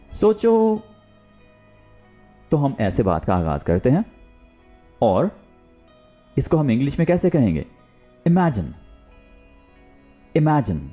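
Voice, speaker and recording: Male English tutor, lively up-and-down delivery, mellow tone, repeats drill words with exaggerated stress, faint music behind. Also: mid-range voice. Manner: repeats example words for the listener to copy, with exaggerated intonation. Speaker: English teacher. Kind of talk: online language lesson.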